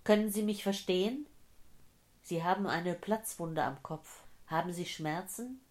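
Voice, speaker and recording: A woman voicing a young male paramedic who calmly asks questions in an audiobook. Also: on the low side, a little slow, close to an everyday voice. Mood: reassuring.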